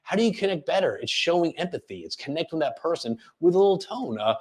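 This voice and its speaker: A man in the middle of a live webinar, coaching an audience on how to use the voice. His delivery is casual and animated, full of quick check-ins as he demonstrates one tone after another. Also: fairly high pitch. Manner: animated, demonstrates vocal tones, asks listeners questions; casual filler-laden delivery with frequent "right?". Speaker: leadership coach hosting a webinar.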